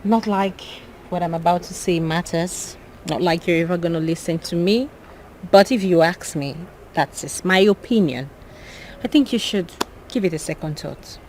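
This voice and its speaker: A woman plays a friend with a Nigerian accent who gently presses her point. Her voice sits slightly low, with faint ambience behind the film drama. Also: normal speed, a little hiss or hum, lightly acted. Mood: coaxing. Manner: probing, coaxing.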